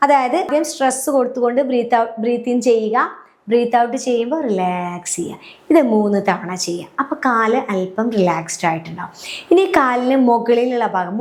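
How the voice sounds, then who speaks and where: A woman, a happiness coach, calmly guiding listeners step by step through a breathing and relaxation routine for sleep. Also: medium pitch. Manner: calm, step-by-step, often checking "clear?". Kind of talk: guided relaxation instruction.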